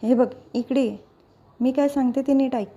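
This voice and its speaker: A woman's voice: sits high, fairly even intonation, normal speed, dark tone, breathy edge, dull audio. A woman voicing a suspicious, scheming older aunt in a serial recap, with a prying, insistent manner.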